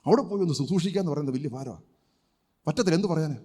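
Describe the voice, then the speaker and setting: A male pastor preaching a sermon emphatically, firing rhetorical questions and breaking into loud cries of praise. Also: fairly high pitch, animated, racing, breathy edge. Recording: long hall reverb.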